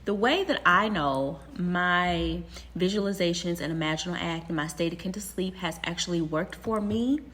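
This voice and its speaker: A young woman talking quietly, half-whispering, as she shares advice from an empty classroom. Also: lowish voice, normal speed. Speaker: vlogger. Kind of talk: casual spoken advice.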